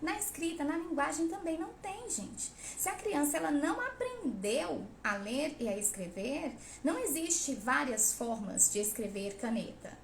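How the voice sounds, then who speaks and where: Emphatic high-voiced woman, roomy echo. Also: sing-song, moderate pace, creaky, hardly any pauses, slight background noise. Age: adult parent. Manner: emphatic, scolding, blunt; acts out quoted voices. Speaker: host of a parenting and literacy channel. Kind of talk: live Q&A talk. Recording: roomy echo with faint ambience.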